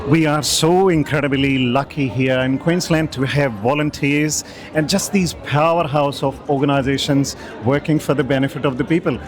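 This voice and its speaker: A man's voice: fairly high pitch, fairly even intonation, moderate pace. Effusive male event interviewer. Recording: event with music and crowd chatter.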